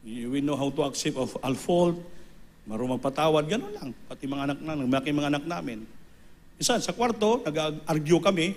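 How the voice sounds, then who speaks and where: High-voiced man preaching. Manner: conversational storytelling, rising to fervent emphasis. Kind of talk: sermon testimony.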